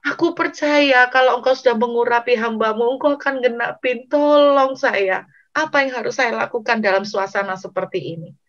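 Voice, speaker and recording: A woman's voice: a little high, normal speed, fairly bright tone, lightly acted. A woman preacher acting out a desperate man pleading and crying out to God, on a dull recording.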